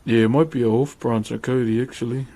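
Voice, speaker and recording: A man's voice: medium pitch, steady tone, quick pace, dark tone. A man with a broad New Zealand accent chats casually to livestream viewers in a laid-back, slangy, matey way. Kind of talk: casual livestream chat while wood carving.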